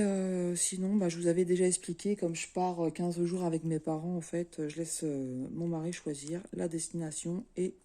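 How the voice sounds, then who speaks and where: A middle-aged woman from France, a craft vlogger chatting casually to her viewers in a relaxed, easygoing way with many fillers. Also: low voice. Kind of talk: casual chat to camera.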